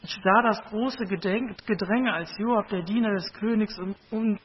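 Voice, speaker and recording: A man reading out the lines of an eager young male messenger who reports to the king in a hurried, breathless way. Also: sits high, husky, in a large hall, pitched above the performer's own voice. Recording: dull lo-fi recording.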